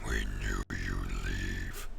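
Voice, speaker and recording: A man voicing a menacing, embittered dragonborn with a slow, growling, gravelly dragon voice in a tabletop game. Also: a bass voice, completely flat delivery, fairly bright tone, a little hiss or hum, pitched below the performer's own voice, full character voice.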